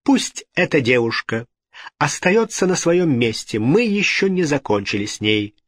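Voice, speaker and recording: Imperious vengeful queen, read by a man, raised pitch, forceful, dry close mic. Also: very animated, measured pace, no echo, heavily acted. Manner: imperious, uses royal "we".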